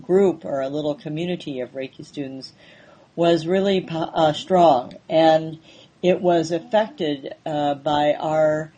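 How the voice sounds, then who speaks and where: A woman hosting a conversational interview, speaking hesitantly with frequent pauses and fillers. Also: sits low, fairly even intonation, dark tone. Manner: hesitant, many ums and pauses.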